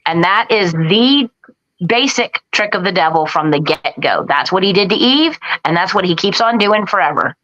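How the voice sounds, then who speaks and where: A woman's voice: on the low side, animated, normal speed, a bit bright, muffled recording. A woman guest on a podcast speaking emphatically, in a preachy tone.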